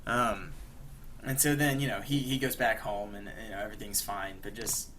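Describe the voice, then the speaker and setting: A man's voice: on the low side, fairly even intonation, normal speed, fairly bright tone, a little hiss or hum. A young man co-hosting a podcast, casually retelling a cartoon episode in a rambling way, full of fillers and "like". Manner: rambling, many fillers and 'like'. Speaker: podcast co-host.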